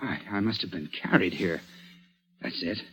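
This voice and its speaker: In this dull, band-limited vintage radio recording, an actor plays an agitated, stubborn young man-about-town caught up in an old-time mystery. His voice sits low and a bit bright at a moderate pace. He sounds groggy and pleading, his delivery dramatic and exclamatory.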